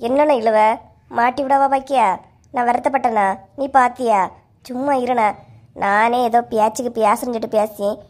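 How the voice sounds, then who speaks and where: A woman's voice: fairly high pitch, steady tone, normal speed, darkish tone, lightly acted. A woman with a Kanyakumari Tamil accent voicing a quarrelsome young woman in a cartoon story, arguing in a sarcastic way.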